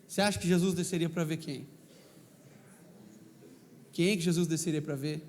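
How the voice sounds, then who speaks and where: Male pastor, São Paulo accent, high-pitched, humorous storyteller, reverberant hall recording. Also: moderate pace, slight background noise. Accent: São Paulo Brazilian Portuguese. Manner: humorous, animated, questions the congregation. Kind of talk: lively preaching with stories. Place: church hall.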